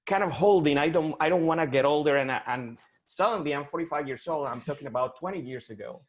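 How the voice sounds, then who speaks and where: A man from Colombia, in his forties, speaks with a fairly high pitch and a Colombian Spanish accent as a coaching client on a video call, pausing and restarting many times.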